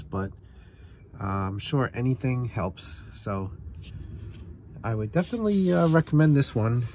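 A man talking in an easygoing, plainspoken way, with the odd "uh" and a mild curse thrown in. He sounds like a casual home video, filmed on a phone out on a driveway. A faint outdoor hum sits under his voice. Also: medium pitch. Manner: relaxed, plainspoken, with fillers and mild swearing. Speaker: channel host reviewing a tool. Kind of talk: casual product review vlog.

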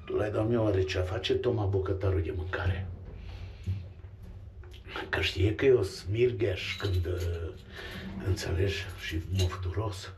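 Male vlogger, dark gravelly voice, chatty and rambling, faint noise behind. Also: deep voice, long pauses, echoey room. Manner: rambling, colloquial, addresses viewers directly. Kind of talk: casual vlog talk to viewers.

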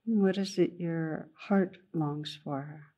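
Speaking as a meditation teacher, a woman guides the session gently and without hurry, leaving long pauses between phrases. Her voice sits low, and the recording is muffled.

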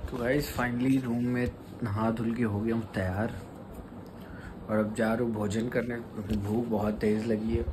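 A young man from Prayagraj, India, vlogs his trip casually, holding the phone at arm's length and chatting to viewers as "guys" and "brother." His mid-range voice keeps a level tone at a moderate pace. Scenes shift from a train station to a taxi, a hotel room and city streets, and the phone mic picks up loud crowd and street noise.

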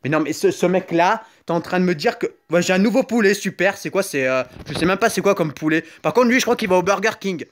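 A man's voice: sits high, animated, fast talker, few pauses, a little hiss or hum. A young man whose first language is Italian, doing jokey, rambling commentary while playing mobile games, with sudden yelps and silly asides. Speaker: gaming YouTuber. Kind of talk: joking gameplay commentary.

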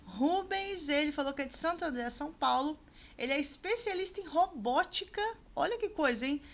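A woman's voice: high-pitched, lively intonation, brisk, a bit bright. A woman vlogger chatting casually and gushing about show contestants, with many asides to her viewers. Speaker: vlogger commenting on a TV cooking show. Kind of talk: casual chat.

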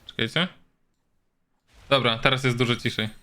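A man's voice: medium pitch, steady tone, moderate pace, pushed and bright. A man from Poland giving casual, chatty commentary as he streams a game, swearing freely and reacting on the fly.

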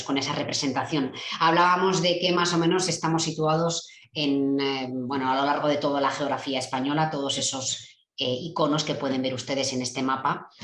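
A woman's voice: low-pitched, echoey room. A woman giving an online conference talk over a video call, hesitant with many fillers. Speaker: director general giving a keynote talk.

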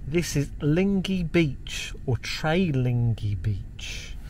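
A man's voice: a little high, sing-song, drawn-out words, a little mellow, a little hiss or hum. Chatty man narrating a travel vlog. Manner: chatty, pointing out sights. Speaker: vlogger. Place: outdoors on a windy hilltop and inside a camper van.

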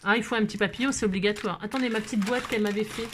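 Woman host for a casual craft tutorial, playful and chatty, talks to herself as she works, mid-pitched voice. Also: steady tone, very fast, background noise. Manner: talks to herself and viewers while working, playful teasing asides.

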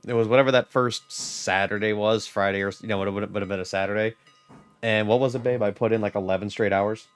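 A man's voice: lowish voice, fairly even intonation, quick pace, smooth, faint music behind. A man giving chatty, joking commentary on a live gameplay stream and greeting viewers. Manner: joking, chatty, talks to chat. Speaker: game streamer.

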